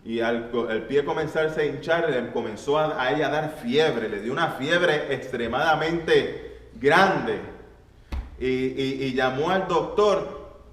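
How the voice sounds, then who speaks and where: A man's voice: mid-range voice, takes it slowly, fairly bright tone. A male pastor preaching an earnest sermon in a church, turning to the congregation as he tells a story. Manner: earnest, addresses the congregation as brethren. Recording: echoey church hall from far off.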